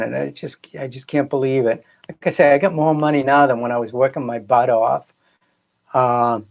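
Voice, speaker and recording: A middle-aged or older man from the Boston area, with a Boston accent and a mid-range, darkish voice, talks casually and earnestly as a spiritual coach on a livestream. He rambles and repeats phrases for emphasis in this motivational chat.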